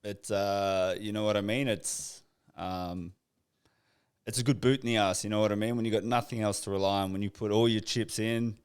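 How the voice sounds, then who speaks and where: Aussie guy hosting a podcast, lowish smooth voice, rambly and laid back. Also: moderate pace. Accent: Australian. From Australia. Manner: relaxed, rambling, many fillers and restarts. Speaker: podcast host. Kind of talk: casual interview chat.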